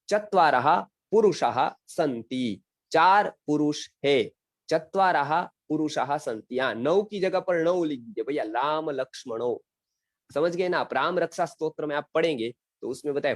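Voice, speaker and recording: This dry recording captures a fairly high-pitched, expressive man's voice. A middle-aged Sanskrit teacher from India, he explains grammar in Hindi on a video call, reading out example sentences slowly and with care, repeating phrases patiently and regularly checking his students' comprehension.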